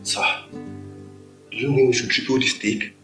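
An actor with a Nigerian English accent playing a lawyer who speaks to his client in a measured, deferential way. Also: medium pitch, steady tone, fairly bright tone, roomy sound, soft background music, close to an everyday voice, low-quality recording. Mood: cautious. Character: cautious lawyer advising a powerful chief.

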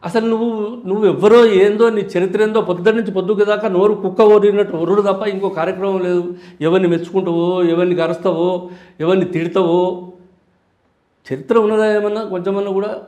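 A man's voice: sits high, steady tone, brisk, dark tone, roomy sound. An older man with a Telangana Telugu accent, a politician answering interview questions in an angry, accusatory way, challenging a rival directly. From Telangana, India.

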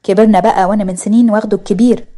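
A woman's voice: medium pitch, steady tone, racing, warm tone, close to an everyday voice. A woman doing a chatty family man. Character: chatty family man making excuses for relatives.

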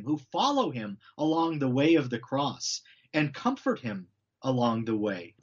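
A middle-aged male author, guesting on a faith podcast, talks through early church history in a chatty, teacherly style full of asides. His voice sits fairly high and the recording is muffled. He's animated and explanatory, often saying "you know" and repeating himself.

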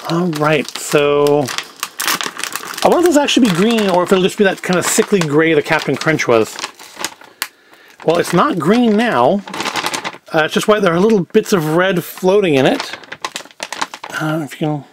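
Speaking at a moderate pace with long pauses, a high-pitched, expressive man reviews a product casually and without a script, tossing in self-deprecating, wry remarks. He's the host of a food review show, seated at an indoor tabletop set, where crinkling packaging and clicks come through clearly.

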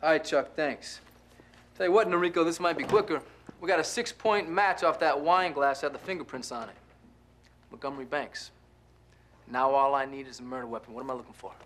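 An actor playing a businesslike homicide detective in a TV crime drama. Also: male voice, fairly high pitch, a little fast, a bit bright, natural voice. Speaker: police detective. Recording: faint background noise.

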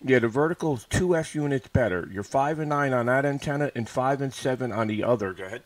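Working at a computer indoors, an American ham operator and livestream host makes casual contacts full of callsigns, radio phrases, and repetition. His medium-pitched voice moves at a quick pace through a studio mic connected to the PC, with background noise present.

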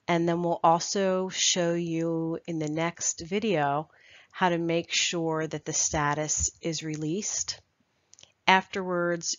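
Woman, lowish voice, patient step-by-step tutorial narrator, close dry lo-fi voice-over. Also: no echo. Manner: steady, instructional, walks through steps. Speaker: software trainer. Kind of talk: screen-recorded software tutorial.

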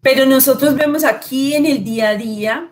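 A woman's voice: high voice, moderate pace. Colombian woman host asking rambling questions. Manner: rambling questions, frequent tag questions. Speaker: interviewer, host. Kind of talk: interview questions.

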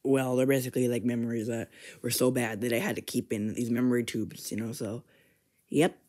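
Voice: mid-range voice, fairly even intonation, fairly quick, a little mellow, natural voice. Rick, a stammering mischievous grandpa scientist, voiced by a fan. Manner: stuttering, filler-heavy, sly teasing. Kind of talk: plush toy comedy skit.

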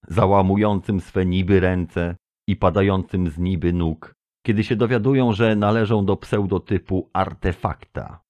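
A booming, stentorian tentacled alien delegate, put on by a man reading an audiobook, orating with grand pomposity. He thunders out accusations in a deep, low register. It sounds like a lofty speech before an assembly. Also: a little mellow. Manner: pompous oratory, denouncing.

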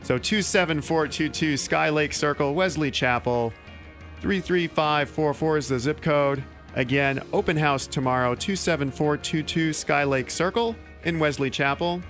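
A man in his thirties hosting a local radio talk show in a small studio, speaking into a studio mic with quick, joking delivery. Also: a little high, fairly bright tone, faint music behind. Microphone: studio mic on boom arm.

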